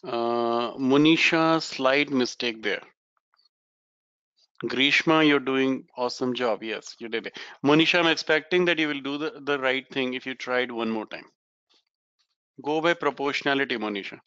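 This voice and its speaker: Bright, clear-voiced Indian male teacher. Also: medium pitch, moderate pace, no room sound, dull audio. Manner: encouraging, conversational, mixes Hindi into English. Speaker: physics teacher. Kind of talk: informal online lesson, explaining problems to students. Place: indoors, online class over webcam.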